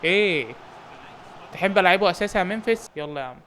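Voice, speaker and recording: A young man with an Egyptian Arabic accent giving joking, excited commentary on a football game and shouting at his players. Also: sits high, fast talker, slight background noise. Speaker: gaming YouTuber.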